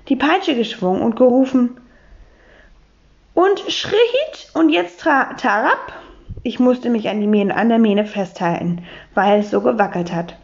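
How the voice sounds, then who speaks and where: A woman reading a children's storybook aloud, telling it lively in the first person as a boy. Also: a little high. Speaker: audiobook reader. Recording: dull lo-fi recording.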